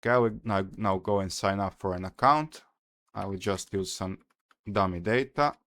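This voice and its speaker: A young man from Croatia with a Croatian accent, calmly and methodically walking through a security tutorial, pausing with "uh" as he explains. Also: lowish voice, dry recording. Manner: careful, methodical explaining with frequent "uh" pauses. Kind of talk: screen-recorded hacking tutorial.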